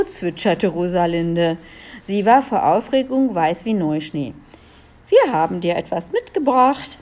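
A woman reads a children's story aloud at an unhurried pace. Her pitch moves a great deal as she gives the narration expression, and she sometimes stumbles and corrects herself. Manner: slow, lively, expressive reading with occasional slips. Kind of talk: reading a children's book aloud.

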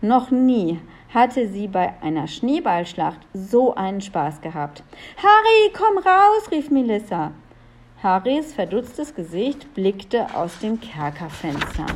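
A woman reading a children's storybook aloud, slowly and expressively, with the odd slip of the tongue. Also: mid-range voice. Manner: slow, lively, expressive reading with occasional slips.

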